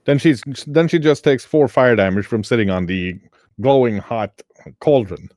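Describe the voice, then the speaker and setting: A man running a tabletop game as game master, narrating turns in a relaxed, wry, chatty way. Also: medium pitch, moderate pace, no echo, studio quality.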